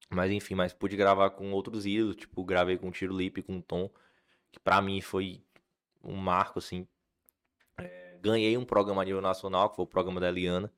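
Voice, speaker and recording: A man from Ceará, a comedian telling stories in a casual chat, full of fillers and restarts. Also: sits low. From Ceará, Brazil. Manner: animated storyteller, many fillers and restarts. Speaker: comedian guest.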